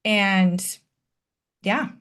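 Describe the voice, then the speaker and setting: Speaking at medium pitch, she draws out her words, and her tone is clear, resonant, and a little bright. She's a late-thirties woman from Detroit, United States, who candidly looks back on her past as a guest in a conversational podcast interview, telling personal stories.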